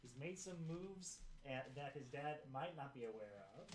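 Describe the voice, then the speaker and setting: A man's voice: on the high side, expressive, normal speed. A man casually reading out recap notes for a tabletop game, rambling and chuckling as he goes. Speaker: player reading session notes. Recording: echoey room with background noise.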